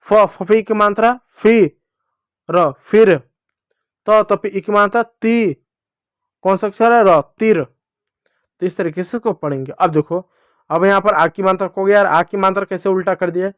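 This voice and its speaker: A man gives a patient, slow lesson to small children, sounding out each letter and repeating it. His voice sits high for a man and comes through smooth and clear. The recording is close and dry, with no room sound. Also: no echo. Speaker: teacher. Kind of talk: children's Hindi alphabet lesson.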